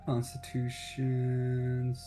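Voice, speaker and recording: A man's voice: medium pitch, monotone, extremely slow, dark tone. A man playing a tabletop role-playing game, casually stating his moves on his turn. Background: faint music.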